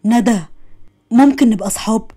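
Woman as a scheming young male suitor, Egyptian accent, soft-spoken, flattering, coaxing. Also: fairly high pitch, a little fast, breathy edge. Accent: Egyptian Arabic.

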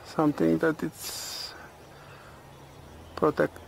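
A middle-aged man, not a native English speaker, vlogging outdoors on a tropical farm. His English is halting, with many pauses and uh's, and the camera is held at arm's length. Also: on the high side, completely flat delivery, vocal fry, a little hiss or hum. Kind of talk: casual vlog narration. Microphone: handheld camera selfie and tripod camera.

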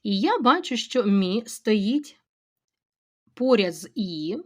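A middle-aged woman with a Ukrainian accent, a teacher slowly explaining a grammar lesson to schoolchildren step by step and addressing them directly. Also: mid-range voice, big pitch swings, darkish tone.

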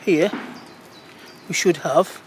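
Filmed on a handheld phone, this walk-and-talk foraging demo features a middle-aged man digging in woodland and casually pointing things out. He speaks with a fairly high pitch and draws out his words, over slight background noise.

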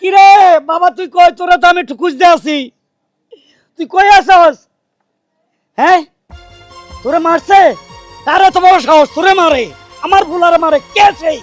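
A man playing a worried father searching for his son, hurried and gruff. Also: very high voice, no room sound, soft background music.

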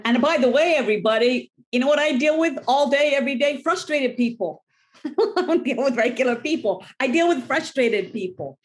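A middle-aged woman dog trainer giving a lively talk to a seminar audience, often acting out the voices of owners and dogs. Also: medium pitch. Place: library event room.

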